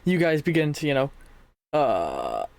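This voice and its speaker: A man's voice: fairly high pitch, wildly swooping pitch, unhurried, creaky, no echo. A young man narrating as game master, rambling with restarts and laughter.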